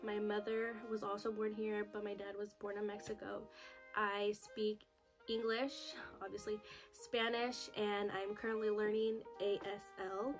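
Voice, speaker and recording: A woman's voice: medium pitch, level tone, unhurried, soft background music. A woman in her twenties from the United States, talking nervously and chattily in a casual vlog recorded on her phone, with lots of "like" and "you know". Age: 20s. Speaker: vlogger. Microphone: phone camera video.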